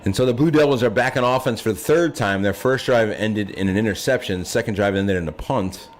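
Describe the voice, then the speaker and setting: A man giving conversational live play-by-play of a high school football game, as its announcer. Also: a little fast. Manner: conversational, corrects himself aloud. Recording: noisy live outdoor field broadcast.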